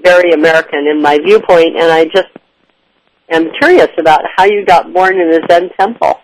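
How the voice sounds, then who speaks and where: A man from Japan hosting a radio interview, asking gentle, hesitant questions. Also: a little high, brisk, no room sound, rough recording. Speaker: radio host.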